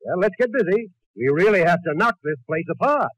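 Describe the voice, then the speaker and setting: A man's voice: sits high, expressive, fairly quick, dry recording, highs cut off. A man playing a grumbling, wisecracking older uncle in a 1940s radio comedy. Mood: puzzled. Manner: dry, sarcastic quips.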